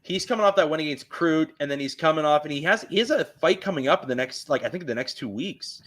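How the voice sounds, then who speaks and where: A man's voice: fairly high pitch, animated, fast talker, noisy background. Eager Canadian man hosting fight talk. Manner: eager, rambling fan talk. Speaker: podcast host. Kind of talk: casual sports chat.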